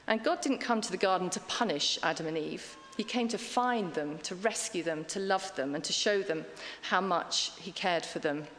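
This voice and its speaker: A woman's voice: on the low side, normal speed, few pauses, a bit bright, faint music behind. A middle-aged woman giving a conversational sermon, chatty and self-deprecating with frequent ums and asides. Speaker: preacher. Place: church hall. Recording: long hall reverb.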